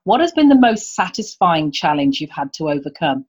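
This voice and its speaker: A woman's voice: low-pitched, very animated, moderate pace, breathy edge. A woman hosting an interview podcast, asking guests questions and laughing along with them. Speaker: podcast host. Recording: dull lo-fi sound.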